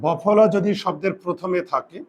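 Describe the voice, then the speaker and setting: A man teaching a grammar lesson, dictating rules slowly and asking students questions that he then answers himself. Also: high-pitched. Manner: slow deliberate dictation of rules. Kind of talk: classroom lesson.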